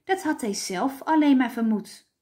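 Slow, expressive woman reading a storybook. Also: high-pitched. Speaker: teacher reading aloud.

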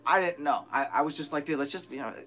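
A man's voice: fairly high pitch, quick pace. Young man telling a story to camera. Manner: animated, profane retelling with acted-out quotes. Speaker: vlogger.

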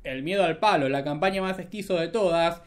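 A man's voice: a little high, a little fast. A young Argentine man doing casual political commentary as a streamer, sarcastic and mocking, at a desk mic in a small room. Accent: Argentine Spanish.

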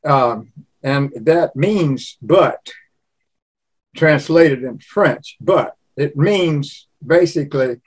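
An older man in his eighties from Louisiana talks in a loose, rambling way. His voice sits a touch high for a man, and he tells his stories as a guest in a casual chat. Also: extremely slow, husky. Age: 80s. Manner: rambling storyteller, slips into regional imitations. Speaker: cookbook author and guest.

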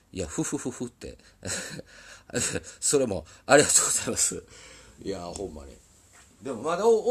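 A man's voice: deep voice, husky. A man with an Osaka accent, a musician chatting casually on a live stream from a recording studio, rambling and apologizing, often laughing. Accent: Osaka dialect.

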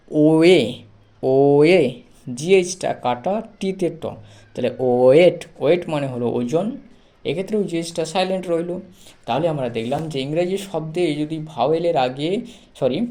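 A man teaching an English reading lesson, slowly spelling words out letter by letter and repeating key points. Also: on the high side, mellow. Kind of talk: classroom-style reading lesson.

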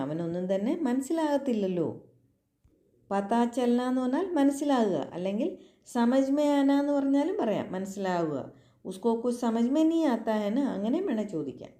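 A woman teaching Hindi phrases for everyday talk, saying each one slowly, repeating it and explaining what it means. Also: a little high, warm tone, reverberant. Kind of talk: language lesson.

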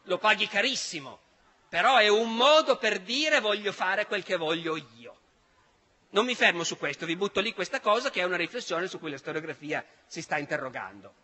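A man in his sixties from Italy, telling history as a lecture in animated, emphatic storytelling. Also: sits high, moderate pace. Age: 60s. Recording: large hall with long reverb.

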